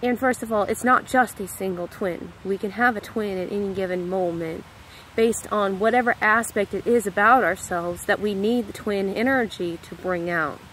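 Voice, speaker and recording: A woman's voice: mid-range voice, normal speed, fairly bright tone, a little hiss or hum, rough recording. American woman in her 30s chatting about spirit stuff, wanders off on tangents, fixes herself mid sentence. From United States. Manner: rambling, drifts into tangents and corrects herself. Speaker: spiritual vlogger. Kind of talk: casual spiritual monologue.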